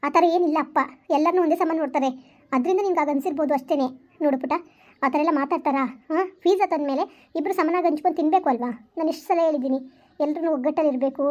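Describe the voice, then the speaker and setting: A woman's voice: high-pitched, lo-fi sound, natural voice. A woman voicing a patient mother who soothes and coaxes her crying daughter in a family skit. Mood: soothing. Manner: soothing, coaxing, lecturing softly.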